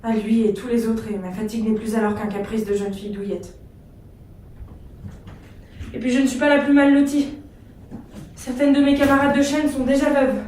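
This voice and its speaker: An earnest young wartime factory girl reads her letters in a tender, measured way, as an actress puts her on. Her voice sits fairly high, and it sounds echoey and distant, as if taken from far back in a theatre. A faint hum runs underneath. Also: a little mellow, close to an everyday voice. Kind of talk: stage reading of letters. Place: theatre stage.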